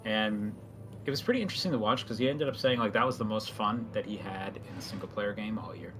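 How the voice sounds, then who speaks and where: Low-voiced male esports caster. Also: fast talker, background noise. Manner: chatty, explanatory. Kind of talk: live game commentary.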